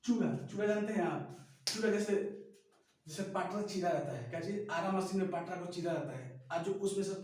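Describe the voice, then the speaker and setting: A man teaches English words in a drilling, call-and-response way, asking questions and answering them himself. His voice is high but mellow. It sounds strongly echoey, recorded from a distance. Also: fairly quick, slight background noise. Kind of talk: classroom-style spoken lesson. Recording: echoey room, far from the mic.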